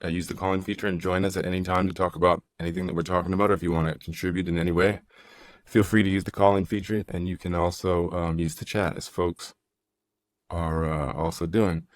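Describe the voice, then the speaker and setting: A man's voice: deep voice, level tone, fast, no echo. A young man hosting a casual podcast, easygoing and rambling, reading listener comments aloud. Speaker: podcast host, professor.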